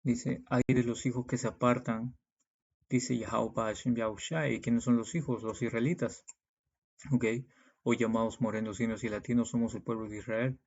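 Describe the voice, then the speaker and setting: Speaking at a moderate pace, a man from Peru preaches didactically, reading Bible verses and explaining them while often checking in with short tags such as "okay" and "right." His mid-range voice is a little mellow with vocal fry and fairly even intonation. The recording sounds dull and lo-fi.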